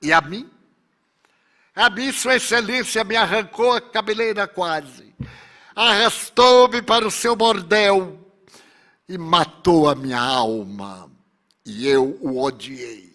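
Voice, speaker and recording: A man voicing a grieving woman survivor who forgives her tormentor, speaking slowly and solemnly. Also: high voice, fairly bright tone.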